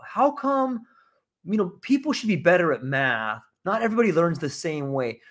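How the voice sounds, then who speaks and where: An older man, talking in a loose, animated way full of fillers, on a video call from home. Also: sits high, moderate pace. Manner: animated, rambling, many fillers. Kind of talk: casual conversation.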